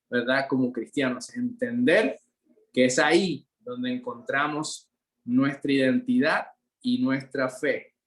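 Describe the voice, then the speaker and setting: A man who is a pastor, discussing a Bible lesson and reading scripture aloud in a measured way. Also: medium pitch.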